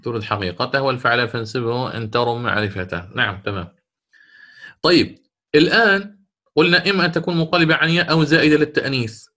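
A middle-aged sheikh teaches the rules of Quran recitation in a classroom lecture, using a mid-range voice that sounds pushed and bright. He explains step by step, repeats key words, and quizzes his students.

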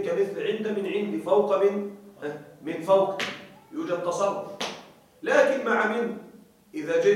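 Guy teaching a class, fairly high voice, asks the room a question then answers it himself, keeps going "you with me?", sounds far from the mic in a really echoey room. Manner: keeps checking that students follow; slows down to drawl out words he is stressing. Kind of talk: classroom lecture with student replies. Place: classroom with students. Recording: very echoey room, voice heard from a distance.

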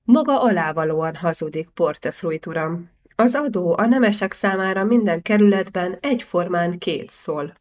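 A bold young man in an audiobook, scolding with cutting, righteous indignation, as a woman reader voices him. The voice sits a little low and carries steady, clear force. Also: few pauses, lightly acted. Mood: indignant.

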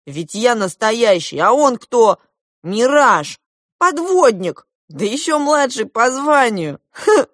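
A jealous storybook boy with a short fuse who snaps back at his rival, as a woman reading aloud puts him on. The voice is pitched up and pushed loud, with a lively, quarrelsome swing. The sound is close and dry. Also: slow, no room sound, heavily acted. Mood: defiant. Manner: hot-headed, shouting retorts. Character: hot-tempered jealous boy, a girl's friend.

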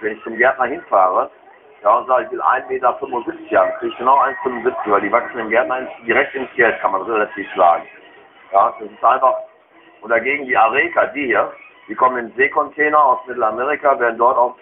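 A man selling plants at a market in casual, chatty, folksy sales patter, often ending with tag questions. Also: fairly low pitch. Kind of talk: casual sales talk to a customer. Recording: noisy, tinny phone-like sound.

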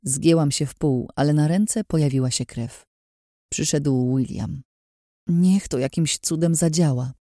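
A man's voice: on the high side, unhurried, dark tone, no room sound, studio quality. A man reading a fantasy audiobook aloud in the first person, with a tense, dramatic delivery. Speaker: audiobook narrator. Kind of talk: scripted audiobook narration.

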